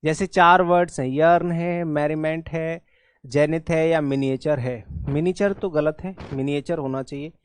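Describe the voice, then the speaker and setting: A man's voice: on the high side, steady tone, moderate pace, clean tone, dry recording. A man teaching an exam-prep English spelling lesson in Hindi mixed with English words, often checking in with his students.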